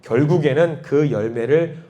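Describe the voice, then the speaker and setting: A man preaching a sermon as a church pastor, telling a story and acting out the quoted voices with big swings of pitch. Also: a little slow, mellow, dull audio. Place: church sanctuary.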